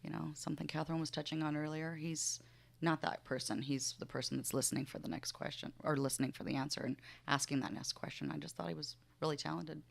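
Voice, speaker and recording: A woman with a low, gravelly voice gives her thoughtful opinion on a lawyers' panel. She speaks with a touch of fry. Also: fairly even intonation, quick pace. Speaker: defense trial lawyer.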